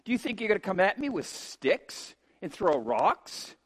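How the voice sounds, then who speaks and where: A man's voice: high voice, sing-song, normal speed, a bit bright, breathy edge, heavily acted. A man doing a taunting giant warrior.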